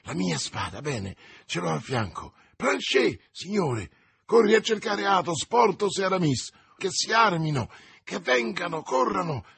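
A man's voice: medium pitch, big pitch swings, unhurried, vocal fry, fairly bright tone, slightly rough, full character voice. A man reading an audiobook and voicing a young, hot-headed male Gascon swordsman with an impetuous, commanding manner. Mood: urgent commands.

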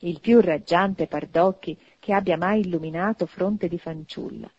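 A woman giving an expressive audiobook narration of a classic novel. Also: on the low side, moderate pace, lo-fi sound, a little hiss or hum. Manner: expressive, animated reading.

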